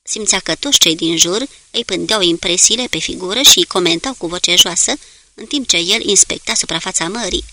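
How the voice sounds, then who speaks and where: A woman reading a novel aloud as an audiobook narrator, in a steady, measured way. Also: lowish voice, no room sound.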